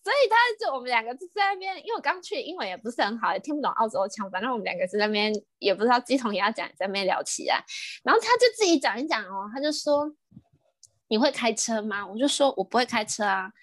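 A young woman from Taiwan with a Taiwanese Mandarin accent, co-hosting a podcast and telling a story in a casual, animated way, laughing often and dropping in English words. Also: on the high side, quick pace, no echo, clean studio sound. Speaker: podcast co-host.

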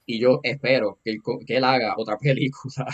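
Casting: emphatic man, casual podcast co-host, laughs often, mid-pitched. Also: fairly even intonation, a little fast, highs cut off. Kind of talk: casual film discussion.

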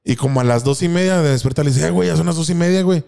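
A man's voice: on the high side, racing, gravelly, dark tone. A young man with a Mexican accent telling a story in casual, slangy podcast chat, laughing and acting out what people said. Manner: slangy, laughing, acts out quotes. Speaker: podcast co-host.

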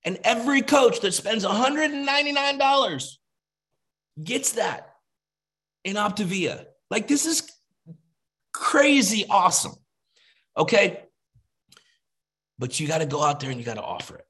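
A man coaching his team in an energetic, casual motivational training over a video call. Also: sits high, a little slow, long pauses, husky. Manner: energetic, emphatic, casual, repeats "you gotta".

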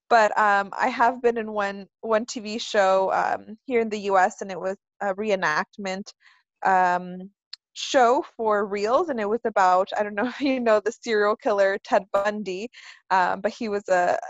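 A woman in her twenties from California talks through an interview in long, earnest answers. Her voice is mid-pitched and friendly. The recording is dry and somewhat muffled. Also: a little slow, no room sound. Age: 20s. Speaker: guest actress. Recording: dull, dry lo-fi sound.

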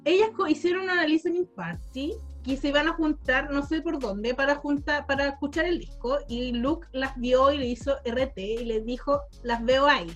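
A young woman with a Chilean accent, chatting casually as a podcast co-host, expressive and quick to joke. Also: high voice, soft background music. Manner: chatty and expressive, laughing and joking along. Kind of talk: casual chat.

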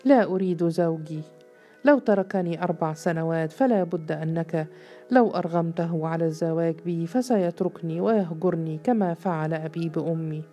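A woman's voice: on the low side, fairly quick, warm tone, soft background music, natural voice. A woman reading the lines of a bold yet shy young woman who pleads with a judge, in an earnest way. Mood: pleading.

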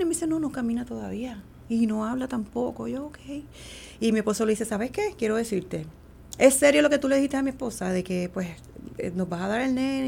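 A woman's voice: sits high, creaky, dark tone. A middle-aged woman, a guest in an interview, tells a personal story in conversation, acting out the quoted lines and using many fillers.

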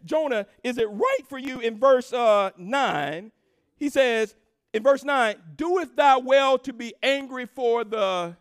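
A female pastor gives a rousing, emphatic sermon built on call-and-response. She calls out to the congregation, moving from low-voiced asides into shouted, sing-song cadences.

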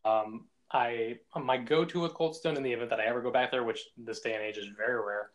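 A man's voice: medium pitch, fairly even intonation, a little fast, poor audio. A man in his forties from the United States, co-hosting a casual podcast chat with an easygoing, joking, self-deprecating manner. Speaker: podcast co-host.

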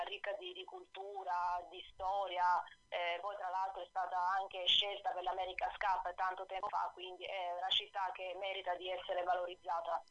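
A woman's voice: mid-range voice, no echo. Hesitant woman heard over the phone. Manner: hesitant, many fillers, soft laughs. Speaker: author guest on a radio show. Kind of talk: phone-in radio interview. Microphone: telephone. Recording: dull, dry phone line.

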